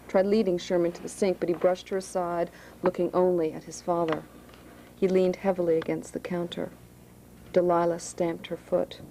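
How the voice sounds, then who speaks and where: Author reading aloud: woman, dark gravelly voice, unhurried, school room. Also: fairly low pitch, slight background noise, low-quality recording. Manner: plain, unhurried reading with asides. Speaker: author reading her novel. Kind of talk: reading a novel aloud to students.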